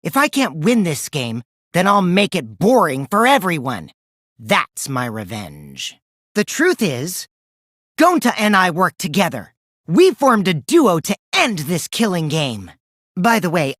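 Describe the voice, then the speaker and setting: In an anime game dub, a man voices a mischievous teenage boy, a gleeful liar who teases and taunts theatrically, sliding between singsong mockery and sly menace. His fairly high pitch swoops wildly, his pace is measured, and his tone is fairly bright, all heavily acted. The studio-quality recording is dry, and he sounds smug and sly.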